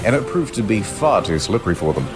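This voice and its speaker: A man narrating a comedic history story in a dry, deadpan way, over background music. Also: fairly low pitch, quick pace.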